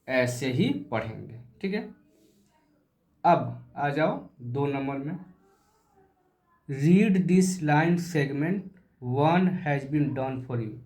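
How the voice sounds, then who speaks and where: A man teaching a primary school maths lesson, slowly repeating points and asking questions he answers himself. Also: a little high. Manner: slow, repetitive, asks and answers his own questions. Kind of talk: classroom video lesson. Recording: echoey room.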